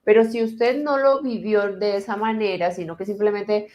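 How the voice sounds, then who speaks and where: Middle-aged woman therapist, mid-pitched, calm, slow, reassuring guide to listeners. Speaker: transgenerational therapist. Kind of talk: guiding talk answering viewer questions.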